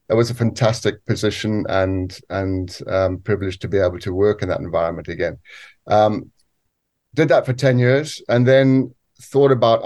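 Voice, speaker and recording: A man who grew up on a farm in Zambia and lives in the UK, answering interview questions in a measured way with frequent restarts. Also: on the low side, darkish tone. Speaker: guest, cofounder.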